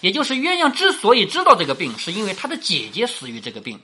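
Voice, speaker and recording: Woman, storytelling lecture, bright tone, slightly husky, rhetorical questions. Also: medium pitch, wildly swooping pitch, fast talker. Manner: chatty, rhetorical questions, laughs while explaining. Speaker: storyteller explaining a classic novel.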